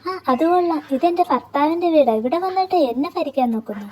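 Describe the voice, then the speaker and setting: A woman voicing a sharp-tongued young wife who talks back indignantly. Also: animated, fast, slight background noise. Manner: indignant, cheeky, high-pitched.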